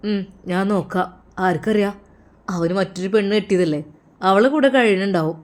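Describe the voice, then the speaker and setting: A woman's voice: medium pitch, a little fast, darkish tone, lightly acted. A woman voicing a soothing protective older brother. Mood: doubtful. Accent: Malappuram Malayalam. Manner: soothing, earnest, moralizing. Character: caring protective older brother, young man. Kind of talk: storytelling role-play.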